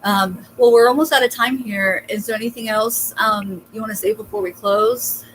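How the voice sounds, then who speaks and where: A woman's voice: on the high side, fairly even intonation, moderate pace, a bit bright, slight background noise, rough recording. A woman hosting an online interview, giving casual, supportive advice in a chatty way with plenty of fillers, heard over a video call. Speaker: host.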